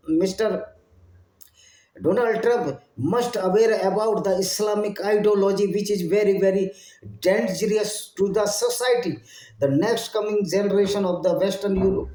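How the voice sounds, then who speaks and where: Speaking to his channel's viewers, a man from India gives a passionate solo monologue in halting, Indian-accented English, Hindi being his native tongue, frequently repeating and reworking his phrases. His voice sits high and sounds mellow. The room echoes and the audio quality is poor.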